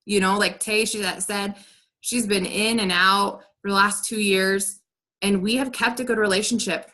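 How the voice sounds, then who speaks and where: A woman's voice: mid-range voice, steady tone, moderate pace, bright, forceful tone. A woman leading a team training over a video call, talking in a direct, upbeat coaching way. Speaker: team leader.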